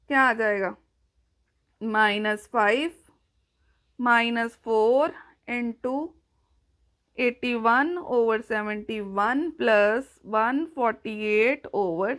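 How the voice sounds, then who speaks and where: A woman with a high voice walks through a math problem. She dictates every step slowly and deliberately, like a teacher taking a class through the working. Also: a bit bright, rough recording.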